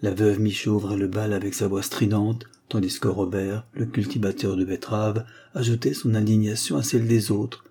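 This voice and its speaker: Low, mellow male audiobook narrator. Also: little pitch movement, normal speed, few pauses, slightly rough. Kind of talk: scripted narration.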